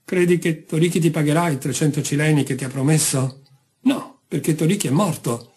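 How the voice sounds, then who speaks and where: A man's voice: fairly high pitch, brisk, darkish tone, natural voice. A man voicing an anxious, whining island wife in a read-aloud story. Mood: shrill. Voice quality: whiny.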